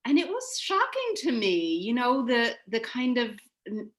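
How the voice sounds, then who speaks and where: On a video call panel from her home, a middle-aged author from the United States reflects aloud, picked up by the call's microphone. She speaks a little slowly, her fairly high voice swooping wildly in pitch.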